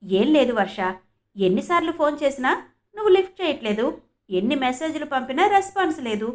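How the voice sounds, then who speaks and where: A woman voicing a possessive, angry young man who threatens his ex-girlfriend, sneering and loud. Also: high-pitched, very animated, brisk, voice pushed up. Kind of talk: audiobook character reading.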